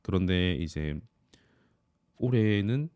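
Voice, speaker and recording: Deep-voiced man of thirty, calm reflection. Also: takes it slowly, clear, resonant tone, dry recording, studio quality. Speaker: office worker and YouTuber. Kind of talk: reflective personal monologue.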